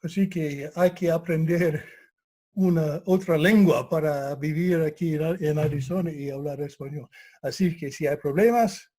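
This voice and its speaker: An older man, an English speaker, reflects on karate in Spanish. He speaks very slowly and hesitantly, often pausing to find words. His voice sits fairly high and has a warm, mellow tone. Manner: hesitant, searching for words with many pauses. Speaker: karate instructor, guest. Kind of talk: reflective conversational talk.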